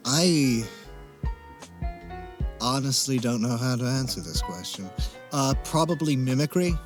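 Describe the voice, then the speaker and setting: A young voice actor answers casually as an interview guest, articulate, with wry humor and thoughtful pauses. His mid-range voice is expressive, and music plays in the background.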